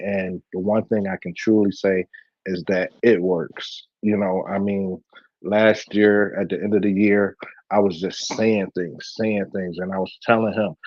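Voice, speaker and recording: A man with a very low voice co-hosts a podcast in a loose, rambling storytelling way. The sound is dry and a little dull. He keeps the chat casual. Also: no room sound. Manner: rambling, storytelling with many fillers. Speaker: podcast co-host.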